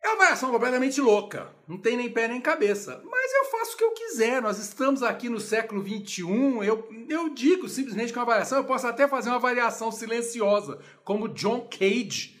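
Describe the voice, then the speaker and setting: A man giving an informal music lesson, animated and playful, explaining with sung examples. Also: extremely high pitch, brisk, few pauses. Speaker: music teacher.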